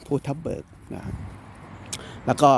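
A man's voice: slow pace, slight background noise. A young man from northeastern Thailand with an Isan accent, narrating a casual, rambling travel vlog outdoors into his phone. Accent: Isan Thai. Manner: rambling, self-correcting, chatty. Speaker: vlogger. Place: outdoors and driving around the countryside. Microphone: phone held by the speaker.

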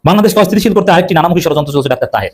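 A man's voice: fairly high pitch, animated, rapid-fire, breathy edge. A man giving emphatic, combative political commentary, repeating his points with fillers and self-corrections.

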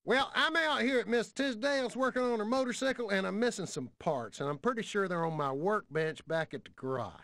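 An actor playing a folksy, drawling country mechanic who calls in over a trucker CB radio with chummy CB slang, in video game voice acting. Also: male voice, high voice, lively intonation, brisk, hardly any pauses, a bit bright, no echo, clean studio sound. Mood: easygoing. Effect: trucker CB radio call.

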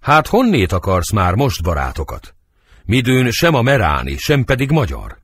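A gentle, earnest male nobleman, read aloud by a man, speaks with tender hope. The voice is low and husky with lively pitch, recorded dry and close. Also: dry recording, heavily acted. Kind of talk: audiobook drama reading.

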